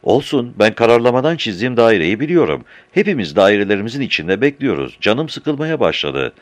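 A man's voice: on the low side, sing-song, brisk, no room sound. A man voicing an exasperated woman artist. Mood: insistent. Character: chatty, exasperated woman artist recounting a dream.

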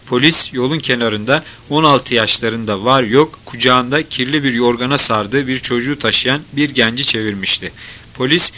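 A man reading a novel aloud in a measured storytelling manner. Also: medium pitch, sharp tone, a little hiss or hum. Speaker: audiobook narrator. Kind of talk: scripted novel narration.

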